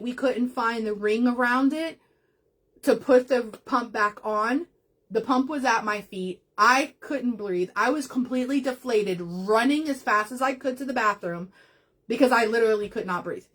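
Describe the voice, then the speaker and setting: A woman's voice: a little high, fairly bright tone. A woman hosting a craft livestream, chatting casually while she works, getting emotional and laughing often as she talks to her viewers.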